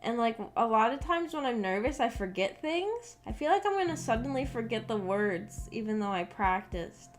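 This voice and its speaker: At home in her room, a woman streaming to viewers talks in a loose, rambling manner, giggling and sounding self-conscious. Her rather high voice swings widely in pitch, moves at normal speed with hardly any pauses, and music plays in the background.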